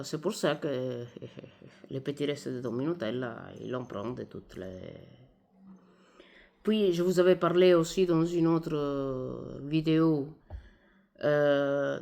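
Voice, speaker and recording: Woman, foreign Italian accent in French, native Italian speaker, slow pace, halting, informal video commentary. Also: low-pitched, vocal fry, darkish tone. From Italy. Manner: halting, searching for words. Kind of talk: informal spoken commentary to camera.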